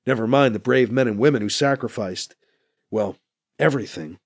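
A man doing a cautious commander who speaks in a measured, stern voice. His pitch rises and falls freely. He tempers every hopeful moment with a warning. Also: lively intonation, dry recording, studio quality, natural voice. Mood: somber. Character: steady, cautious male commander.

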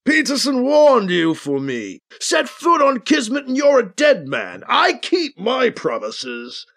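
A male narrator playing a vengeful crime boss who speaks in slow, deliberate threats, in an audiobook. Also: extremely high pitch, wildly swooping pitch, gravelly, a bit bright, pitched above the performer's own voice, heavily acted. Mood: menacing.

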